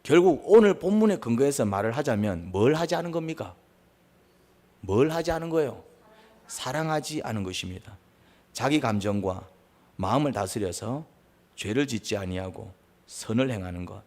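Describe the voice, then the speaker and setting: A man's voice: moderate pace, long pauses. A male pastor preaching a sermon, asking the congregation questions and acting out quarrels in raised voices. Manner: animated, asks the congregation questions, acts out quarrels in high voices.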